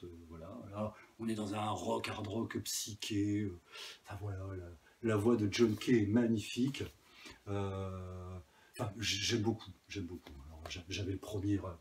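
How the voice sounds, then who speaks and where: Low-voiced Frenchman chatting about records. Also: a little mellow, slight background noise. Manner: hesitant, many fillers, enthusiastic about records. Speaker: vinyl collector vlogger. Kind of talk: casual chat.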